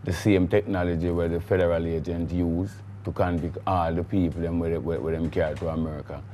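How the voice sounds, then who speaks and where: This middle-aged Jamaican man, a recording artiste appearing as a studio interview guest, has a deep, mellow voice with a flat delivery and a slightly fast pace. He rambles emphatically in patois phrasing, and there's a little hiss or hum on the audio.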